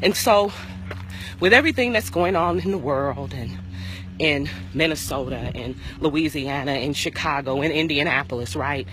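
A middle-aged American woman delivers an impromptu sermon as she walks for exercise. Her voice is bright and forceful, breaking into short, emphatic, repeated phrases. It is recorded outdoors on a phone held at arm's length, with faint noise around her. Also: low voice, moderate pace. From Michigan, United States. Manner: emphatic, speaking in short phrases while walking for exercise, with repetition. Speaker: preacher. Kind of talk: impromptu devotional sermon to camera. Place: outdoors on a grassy, tree-lined path.

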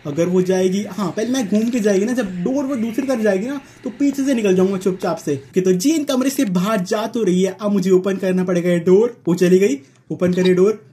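A man's voice: sits high, a little fast, hardly any pauses, dark tone, a little hiss or hum. Young man tensely narrating a horror game. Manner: tense running narration, urging himself on, sudden yelps. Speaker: gaming YouTuber.

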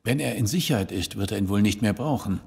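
A man's voice: fairly low pitch, fast talker, vocal fry, slightly rough, no room sound, clean studio sound, exaggerated voice. An actor playing a troubled, brooding male protagonist in a video game, musing to himself in inner monologue. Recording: game audio with loud music.

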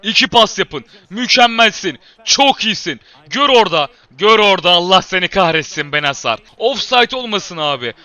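Guy playing a football game and losing it at his players, sharp tense voice, really dry close mic. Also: sits high, moderate pace, few pauses, no room sound. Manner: excitable, shouts at his players, swings to muttering. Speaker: gamer and channel host. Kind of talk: live gameplay commentary.

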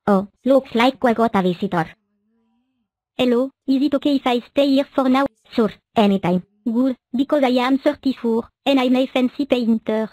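A young woman with a fairly high voice narrates and voices a fan cartoon in a playful way. The sound is dry and close, as if recorded on a webcam at home. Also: normal speed, mellow, dry recording.

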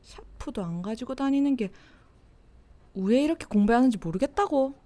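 A woman voicing a cocky, teasing teenage girl classmate in a Gyeongsang dialect, in a whispered role-play with a soft, close-mic delivery. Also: a little high, animated, moderate pace, lightly acted. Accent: Gyeongsang Korean dialect. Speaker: voice actor.

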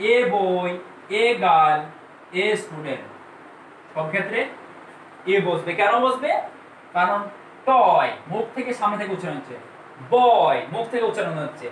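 A man teaches English grammar, patiently repeating each example. His voice sits very high and is caught from off the mic. The room gives it an echo, with a faint hiss behind. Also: fairly bright tone, recorded from a distance. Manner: slow, repetitive explaining, spelling out examples. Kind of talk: classroom-style grammar lesson.

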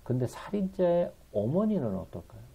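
A man's voice: fairly high pitch, sing-song, moderate pace, vocal fry, dark tone, breathy edge. A man giving a Bible study sermon, pleading with emotion and asking his listeners rhetorical questions. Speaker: Bible teacher.

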